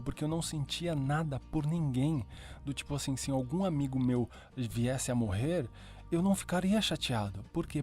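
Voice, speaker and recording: A man's voice: medium pitch, darkish tone. A man giving a casual, heartfelt personal faith testimony as a podcast host, full of slangy fillers.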